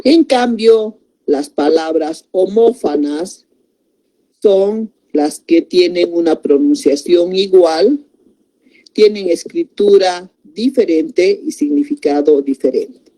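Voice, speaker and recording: Woman teacher, unhurried, explanatory, deep mellow timbre. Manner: slow and explanatory, repeats words, many tag questions. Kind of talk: spelling lesson.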